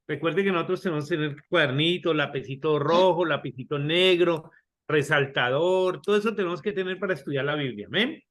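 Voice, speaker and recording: A man teaching an online Bible study class, talking slowly, repeating and restarting words, and putting questions to his students over a video call. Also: on the high side, fairly bright tone.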